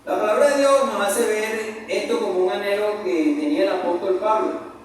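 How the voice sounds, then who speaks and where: A man's voice: high-pitched, a little hiss or hum. A man preaching a sermon, emphatic and calling the congregation brothers, recorded in a church hall from a distant mic.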